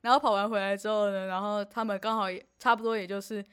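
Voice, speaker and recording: A young woman, co-hosting a podcast and telling a story in casual chat, animated and laughing often. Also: mid-range voice, fast talker, clean tone. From Taiwan. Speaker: podcast co-host.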